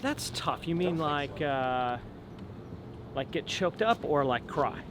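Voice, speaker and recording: A relaxed opera tenor in his forties, originally from Long Island, New York, speaks slowly while walking a city street for a casual interview. He thinks aloud in a fairly high voice with many ums and restarts, and clear traffic noise runs behind him.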